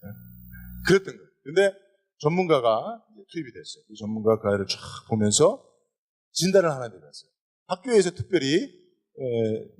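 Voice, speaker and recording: A man preaching a sermon as pastor, animated, often addressing the congregation directly. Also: mid-range voice, slightly rough. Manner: animated preaching with calls of "여러분".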